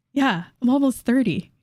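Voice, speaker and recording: A woman in her late twenties reacting to online comments in a casual vlog, blunt and quick to laugh, swearing casually. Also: high-pitched, a little mellow, no echo, clean studio sound. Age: late 20s. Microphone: dynamic studio mic.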